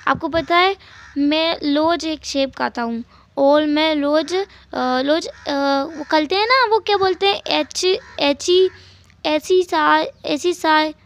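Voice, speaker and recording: A woman voicing an excitable little boy who stumbles and halts while hunting for words. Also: sits high, pitched above the performer's own voice, full character voice. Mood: chattering. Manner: stumbling over words, halting searches.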